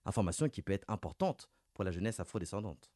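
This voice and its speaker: A man hosting a radio interview and running a quiz game, talking in a lively, playful way and stressing his clues. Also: deep voice, quick pace, dry recording, studio quality. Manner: lively, playful, announces clues with rising emphasis. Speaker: radio host. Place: radio studio.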